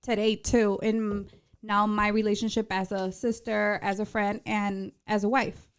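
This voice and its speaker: A woman's voice: mid-range voice, flat delivery, unhurried, clear, resonant tone. A woman around thirty co-hosting a casual podcast, speaking candidly and mixing Spanish phrases into her English. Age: 30s. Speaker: podcast co-host. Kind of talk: casual chat.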